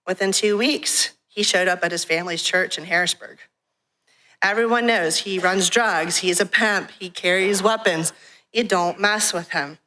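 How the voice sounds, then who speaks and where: A woman from a ministry giving a frank, animated testimony talk in a church, telling her story with laughs. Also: mid-range voice. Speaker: guest speaker from a ministry. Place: church sanctuary.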